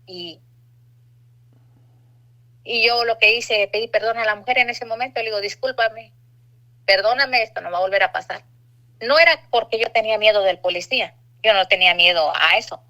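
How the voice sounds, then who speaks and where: Woman in her middle years, bright clear voice, earnest confession, acts out what people said. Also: mid-range voice, rough recording. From Mexico. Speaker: testimony speaker. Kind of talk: personal testimony.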